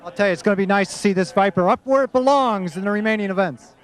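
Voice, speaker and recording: High-voiced enthusiastic pit reporter. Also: male voice, quick pace. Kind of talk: post-race interview. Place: outdoors at a racetrack.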